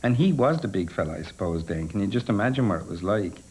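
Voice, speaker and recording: This is a deep-voiced Irish man in an interview. He talks loosely and circles around his point, trailing off and restarting as he thinks. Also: lively intonation, fast talker, a little mellow, slightly rough, poor audio. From Ireland. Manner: musing, loose, full of hedges. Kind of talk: documentary interview.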